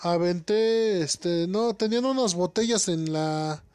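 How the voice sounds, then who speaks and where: A man's voice: high voice, takes it slowly, a little mellow, clean tone, no room sound. A young man with a Mexican accent, telling a story in casual chat, slangy and laughing often. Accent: Mexican Spanish. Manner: slangy, laughing, peppers talk with "güey".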